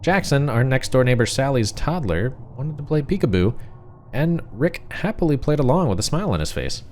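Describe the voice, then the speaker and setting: A man narrating a horror story in the first person as a frightened, suspicious wife, confiding and uneasy, with deliberate pauses. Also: mid-range voice, sing-song, darkish tone, slight background noise, lightly acted. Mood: tense, suspicious. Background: music.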